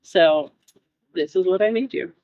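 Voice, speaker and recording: A woman's voice: fairly low pitch, measured pace, a little mellow, no echo, highs cut off. A woman giving a casual, playful presentation speech at an informal ceremony.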